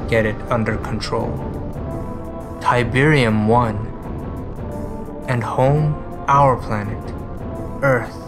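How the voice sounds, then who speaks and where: Dramatic male narrator over music, slow and deliberate. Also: medium pitch. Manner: emphatic, broken into short weighty phrases. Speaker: video essay narrator. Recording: loud music under the voice.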